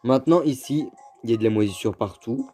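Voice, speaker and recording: A man's voice: medium pitch, animated, fairly quick, mellow. A man giving casual, slangy gameplay commentary as a let's player, often grumbling in exasperation. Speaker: video game let's player. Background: faint game music.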